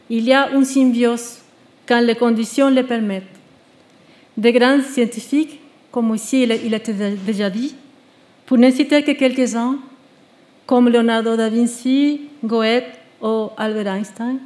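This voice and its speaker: A woman, reading a prepared testimony on stage in a measured, earnest way, with small restarts. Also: on the high side, steady tone, darkish tone. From Venezuela. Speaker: exiled researcher giving a testimony. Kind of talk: prepared speech read to an audience. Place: stage at a live public event.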